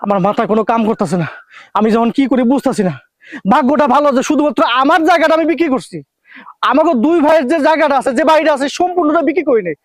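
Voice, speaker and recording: A fretful, impatient married man in a family drama. His high voice rushes along very fast, agitated and repeating itself, in a dry recording with faint music behind. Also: no echo. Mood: despairing worry. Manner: repetitive, agitated, colloquial. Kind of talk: Bengali family TV drama acting.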